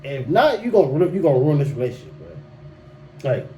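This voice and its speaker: A young male podcast host with a medium-pitched, sing-song, warm voice delivers a solo monologue of relationship advice at a moderate pace. He talks loosely and emphatically, repeats himself, restarts often, and tosses in slang like "bruh." Faint background noise sits under the recording.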